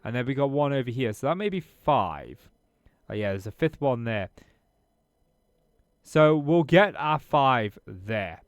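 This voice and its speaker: In this casual let's-play, a man from Britain who makes gaming videos on YouTube talks through a strategy game as he plays, still sounding a bit off from a throat infection. His mid-range voice is very animated but measured, with frequent pauses. It's studio-quality audio with no room sound.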